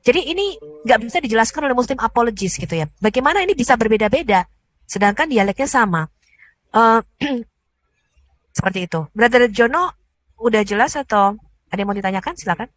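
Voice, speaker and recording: A woman hosting a discussion, briskly putting pointed questions to guests and summing up their answers. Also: fairly high pitch, lively intonation, no echo. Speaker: host and interpreter. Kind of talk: moderating a discussion.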